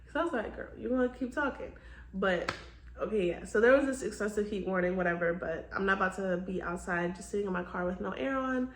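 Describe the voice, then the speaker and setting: A woman's voice: mid-range voice, fast talker, slight background noise. A woman vlogging casually to her phone, candid and reflective, peppering her talk with "like" and "girl". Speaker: lifestyle vlogger. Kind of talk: casual vlog chat. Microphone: phone camera. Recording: roomy sound from away from the phone.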